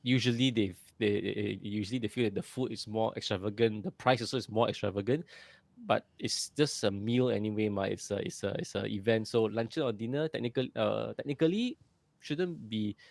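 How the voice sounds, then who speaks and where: A man's voice: on the low side, fairly quick, creaky, no room sound. A Malaysian man in casual chat, speaking slangy Malaysian English with lor, lah and ma, often repeating phrases. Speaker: podcast co-host.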